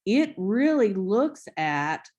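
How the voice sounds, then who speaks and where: A woman's voice: mid-range voice, very animated, drawn-out words, a little mellow. An American woman giving an informal online lecture in a rambling, conversational way, often interrupting herself with asides. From United States.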